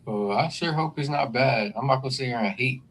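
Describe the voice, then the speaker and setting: A man hosting a casual sports podcast, talking in an animated, joking, slangy way. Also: mid-range voice, fairly quick, a little hiss or hum. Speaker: podcast host.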